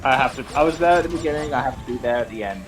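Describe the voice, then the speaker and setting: Give me a British man talking excitedly in a gaming voice chat, voice rising and falling. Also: on the high side, racing. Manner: rambling, excitable. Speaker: gamer in voice chat. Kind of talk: casual chat while gaming. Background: racing game music.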